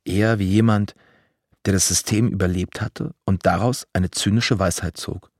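A man in his thirties from Germany narrating a personal story in a measured, vivid, dramatic way. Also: low voice, steady tone, dry recording, clean studio sound.

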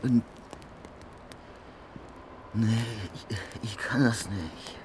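Slow, low-voiced vagrant, brooding and volatile, in a radio play with a noisy background. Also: male voice. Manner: brooding, muttering, sudden outbursts. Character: unsettling rough homeless man by a fire. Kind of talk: radio drama acting.

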